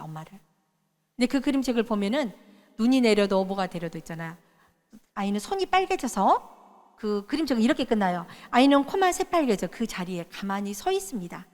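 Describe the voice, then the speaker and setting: A middle-aged woman giving a lively workshop talk, coaching the audience and acting out quoted voices. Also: medium pitch. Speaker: workshop speaker. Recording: reverberant hall.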